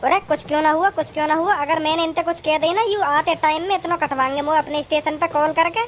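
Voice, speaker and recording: Lady doing loud rustic cartoon guys, highish voice, music under it. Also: fairly even intonation, fast talker, close to an everyday voice. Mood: bossy. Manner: loud, threatening, rustic banter. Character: rowdy village men quarrelling on a train. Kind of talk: cartoon voice acting.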